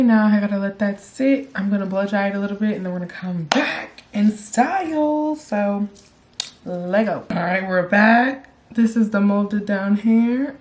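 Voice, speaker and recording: A woman's voice: medium pitch, darkish tone. A young woman chatting casually to her viewers while doing her own hair, explaining each step in a self-assured way. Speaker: beauty vlogger. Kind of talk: casual hair tutorial talk.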